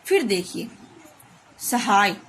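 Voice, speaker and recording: A woman schoolteacher giving an online grammar lesson to children. She explains slowly and patiently, step by step, often asking checking questions. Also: mid-range voice, very animated, fairly bright tone, slightly rough.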